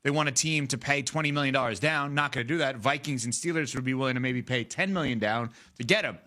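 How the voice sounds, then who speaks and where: A man hosting a sports talk show, rattling through draft scenarios in a rapid, animated, thinking-out-loud way. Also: medium pitch. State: out of breath. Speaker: show host.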